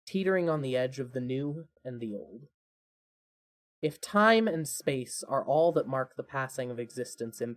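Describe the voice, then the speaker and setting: A narrator with a mid-range voice reads a scripted fan fiction podcast, using an expressive, measured storytelling manner.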